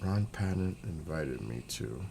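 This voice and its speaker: An extremely low-pitched, animated man from New York state hosts a livestream at a measured pace, chatting aimlessly and pausing to read out names and comments. Background noise and room ambience are clearly heard.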